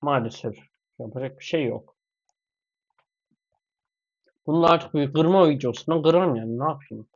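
A man's voice: fairly high pitch, a little fast, vocal fry. A man vlogging casually with his parrot and dog, talking to viewers and coaxing and scolding the animals playfully. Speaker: pet vlogger. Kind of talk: casual vlog talk to pets and viewers. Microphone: clip-on mic. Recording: slightly dull lo-fi sound.

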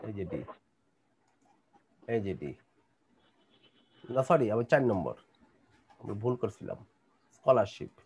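Lively Bangladeshi man teaching a class. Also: on the low side, slightly rough. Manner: reads test sentences slowly, explains in rapid bursts. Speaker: English teacher. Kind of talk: online class lesson.

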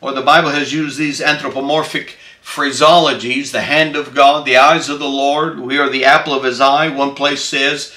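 A man preaching a Bible study sermon, halting over frequent filler sounds and repeated phrases, then making emphatic declarations. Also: medium pitch, flat delivery, pushed and bright. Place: church. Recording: echoey room.

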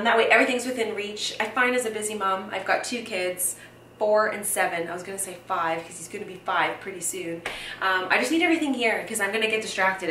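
Woman in her thirties, playful slangy chatter, echoey home kitchen, mid-pitched voice. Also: bright, forceful tone. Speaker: lifestyle vlogger. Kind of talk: casual cooking vlog. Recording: roomy kitchen with faint music.

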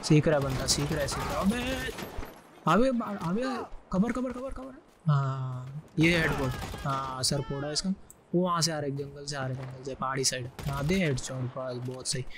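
A man giving live gameplay commentary, excitedly shouting quick callouts. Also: medium pitch, crowd noise. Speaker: gaming YouTuber.

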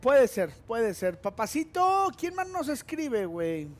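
A man's voice: very high-pitched, very animated, measured pace, a crowd in the background. A man with a Mexican accent doing casual, slangy esports commentary with joking banter. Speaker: esports caster.

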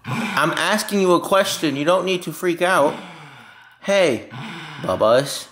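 A man's voice: sits high, moderate pace. A man talking to a dog in a playful, coaxing way, as host of a home pet video. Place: indoors, hard-floored room at home. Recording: echoey room with loud music behind.

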